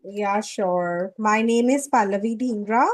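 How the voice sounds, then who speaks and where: A woman in her thirties with an Indian accent, a coach telling her story in a relaxed conversation with soft laughs. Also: medium pitch, unhurried. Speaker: English communication coach. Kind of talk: casual video-call conversation.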